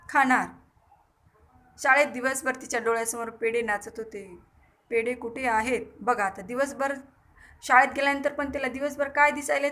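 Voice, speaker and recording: Woman teacher w/ marathi accent reading a kids story, acts out the characters, high voice. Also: pushed and bright. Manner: repeats lines and quizzes children, acting out characters' voices. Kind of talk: reading a story aloud to young pupils and explaining it.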